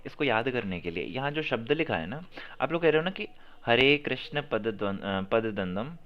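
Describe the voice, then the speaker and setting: A man's voice: medium pitch, animated, normal speed. A man teaching a class on chanting, correcting pronunciation by repeating verses and stressing syllables. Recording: muffled lo-fi audio.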